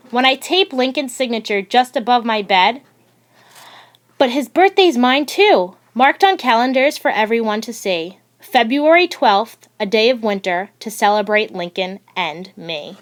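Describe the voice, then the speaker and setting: Narrating a children's picture book, a female audiobook reader with a voice on the high side tells the story in a measured, expressive way.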